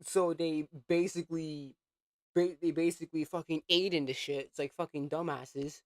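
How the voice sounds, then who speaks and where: Young man with a fairly high voice, dry close sound, stumbling and mocking through a rant. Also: fairly even intonation, moderate pace, dry recording. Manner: stammering restarts, swears, mocking. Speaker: co-host reacting to clips. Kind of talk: casual ranting chat.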